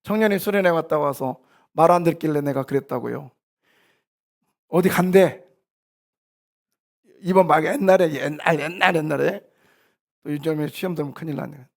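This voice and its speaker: A male pastor delivers an animated sermon in a church. His voice is high and gravelly, and he drops to quiet asides before building to loud exhortations. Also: normal speed, long pauses. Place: church sanctuary.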